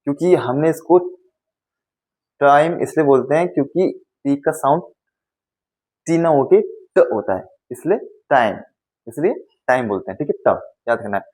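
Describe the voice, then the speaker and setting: A young man, an English teacher giving a phonics lesson, saying each sound slowly and repeating it several times. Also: fairly high pitch, expressive, a little mellow, rough recording.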